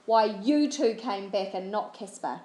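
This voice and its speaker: A woman's voice: medium pitch, measured pace, dark tone, echoey room, natural voice. A woman reading the part of a sulky young boy who mumbles sullenly. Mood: eager. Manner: sullen, muffled.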